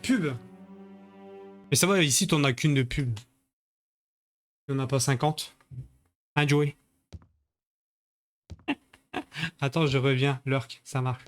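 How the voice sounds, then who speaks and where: A man's voice: medium pitch, takes it slowly, pauses often, faint music behind. A man streaming a video game live, chatting with his viewers in crude, joking banter. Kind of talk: live-stream gaming commentary.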